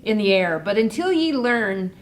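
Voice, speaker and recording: A woman's voice: medium pitch, big pitch swings, normal speed, slight background noise. A woman biology teacher playfully reading a pirate-themed Mad Lib aloud, hamming it up.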